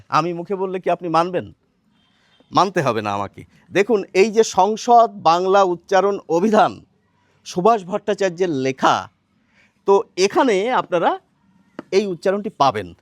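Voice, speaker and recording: A man teaching standard pronunciation in a measured explanatory lesson, often pausing with "ah" and asking viewers questions. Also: high voice, no echo. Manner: measured, addresses viewers directly with questions, frequent "ah" fillers.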